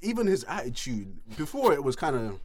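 A man co-hosting a casual basketball podcast, mocking a player with animated rants and frequent laughter. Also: a little high, a little fast, slight background noise. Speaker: podcast co-host. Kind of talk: casual sports chat.

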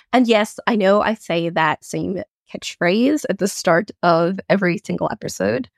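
A woman hosting a casual solo podcast, self-deprecating, with a slightly croaky voice left over from a chest infection. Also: medium pitch, unhurried, dry recording, studio quality. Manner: self-deprecating, chuckles at herself. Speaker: podcast host.

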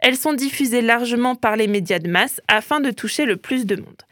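A woman's voice: a little high, fairly quick, fairly bright tone, dry recording, clean studio sound. A woman hosting a radio show, chatting playfully about pop culture and often adding "hein".

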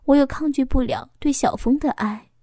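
Brief: female audiobook narrator, emotional first-person confession, higher voice, close and dry. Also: moderate pace, warm tone, dry recording.

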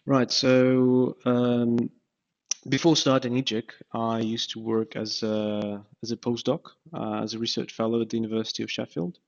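A man from Ukraine, a startup founder appearing as an interview guest, speaks casually and hesitantly, full of fillers and restarts. His voice is medium-pitched and level at a moderate pace, heard through dull lo-fi podcast audio.

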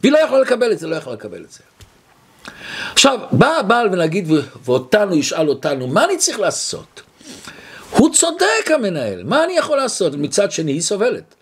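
Male Torah teacher for an animated religious lesson: high-pitched, swings widely, acts out his stories. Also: husky. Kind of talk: religious lecture with a story.

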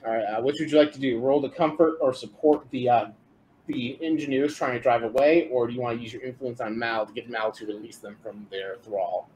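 A man's voice: mid-range voice, steady tone, a little fast, darkish tone, a little hiss or hum. A man narrating as game master of a tabletop role-playing game, casual and loose, with lots of filler words.

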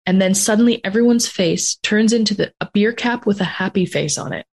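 A woman's voice: medium pitch, brisk. A woman from North America who hosts a casual interview podcast and thinks aloud in long, reflective sentences. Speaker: podcast host.

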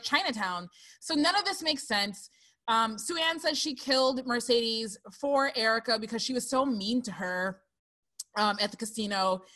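A woman co-hosting a casual movie discussion, animated and sarcastic, laughing often as she talks. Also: a little high. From lives in Burbank, Los Angeles area. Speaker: podcast co-host.

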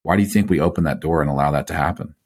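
A man's voice: a bass voice, rapid-fire, darkish tone, slightly rough. A man hosting a podcast, asking thoughtful, rambling questions in a casual interview. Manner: thoughtful, rambling, restarts phrases. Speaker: podcast host.

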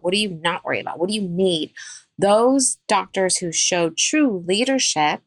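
On a podcast interview, a woman dentist gives emphatic advice in a somewhat low voice. The sound is dry and close, without any room echo.

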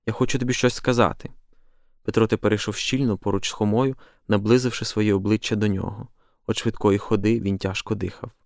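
A man narrating a literary story in a steady, expressive reading. His voice is low and gravelly. The recording is close and dry. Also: no echo. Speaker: reader.

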